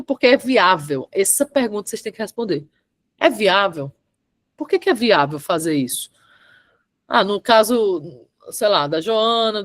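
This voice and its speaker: A woman leads a public speaking lesson over a video call with a mid-range voice. She talks emphatically, slowing down and stretching the words she wants to stress, and keeps checking in with her listeners. The sound is dry and close. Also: mid-range voice, no room sound. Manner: emphatic, drawn-out stressed syllables, frequent "tá?" and "certo?" checks. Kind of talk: online workshop lesson.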